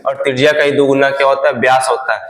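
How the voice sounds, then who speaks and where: A male math teacher speaks in a flat, even tone and keeps putting the same question to his class, then answers it himself. His voice is of middle height. The classroom is echoey. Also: medium pitch, quick pace, a crowd in the background. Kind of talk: classroom lesson.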